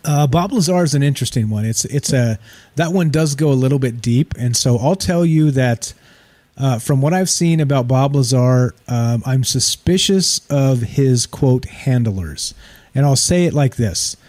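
A man with a medium-pitched, relaxed and mellow voice hosts a talk show. He speaks informally and opinionatedly, circling back over phrases for emphasis and tossing in rhetorical questions. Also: normal speed. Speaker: talk show host taking calls and chat.

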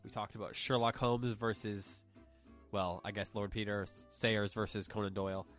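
A man's voice: lowish voice, little pitch movement, normal speed, a bit bright, faint music behind. A man hosting a casual podcast with a head cold, his nose stuffy and his voice nasal. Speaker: podcast host.

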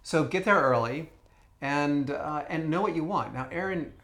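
A man hosting a podcast about bread, talking in a relaxed, chatty way with many fillers. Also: fairly high pitch, moderate pace, vocal fry. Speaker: podcast host. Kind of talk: casual chat.

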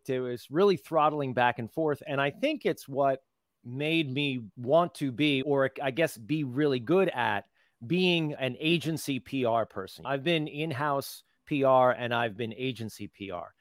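A man's voice: medium pitch, dry recording. A man in his fifties from the United States, a guest in an interview, telling stories in a chatty way and laughing often. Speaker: guest, public relations professional. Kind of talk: conversational interview.

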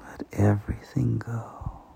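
A man softly guiding a sleep meditation, speaking slowly and slipping into whispers. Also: lowish voice, little pitch movement, creaky. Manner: slow, soft-spoken, partly whispered. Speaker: meditation guide.

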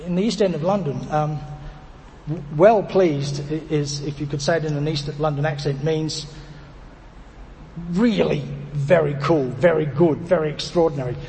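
A man's voice: on the high side, a little mellow, in a large hall, a little hiss or hum. A man preaching a sermon in a conversational way, repeating phrases and restarting as he thinks aloud. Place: church.

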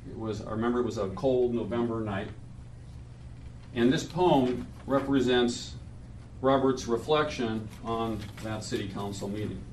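A man speaking in a measured, deliberate way at a memorial reading, sharing reminiscence and poetry with an audience. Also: mid-range voice. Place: indoor room at a public reading, mic at a distance. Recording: echoey room, distant mic, faint noise.

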